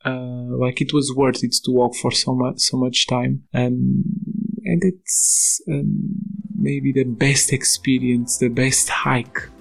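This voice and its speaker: Slow, flat-voiced man. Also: mid-range voice, creaky, soft background music. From Portugal. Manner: halting, many fillers. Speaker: volunteer guest. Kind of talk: recorded personal account.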